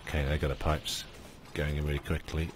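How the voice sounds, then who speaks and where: Against background noise, a very deep-voiced gaming channel host narrates his let's play briskly in a level tone. He rambles, thinks aloud with lots of fillers, and chats to his game characters.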